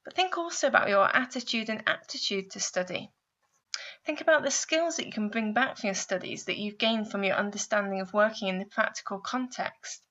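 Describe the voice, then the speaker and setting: Brisk and forceful, a woman with a bright, medium-pitched voice reads scripted instructions for a university placement guidance video. She lays out each step and puts guiding questions to the listener, though the audio is dull.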